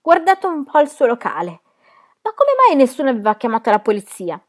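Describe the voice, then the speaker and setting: A woman's voice: very animated, fairly quick. A woman reading a novel aloud, voicing an indignant diner owner who scolds her husband. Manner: scolding, shrill.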